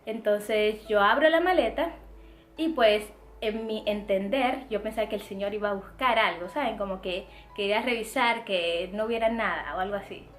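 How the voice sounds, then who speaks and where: A young woman from the Republic, telling a casual storytime in a chatty, expressive way full of fillers. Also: mid-range voice. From Dominican Republic. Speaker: vlogger. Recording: echoey room, faint music.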